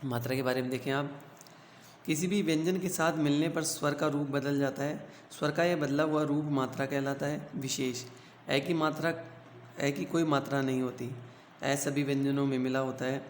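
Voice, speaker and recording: A man's voice: mid-range voice, steady tone. Man teaching in an echoey room. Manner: explains slowly, asks the class questions and answers them himself. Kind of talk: grammar lesson for schoolchildren. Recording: echoey room with faint hum.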